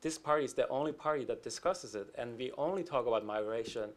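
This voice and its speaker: A man speaks on a conference panel. His pitch sits in an ordinary middle range, and he talks in a loose, conversational way, pausing on fillers and restarting his sentences. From Finland. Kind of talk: panel discussion answer. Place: conference hall.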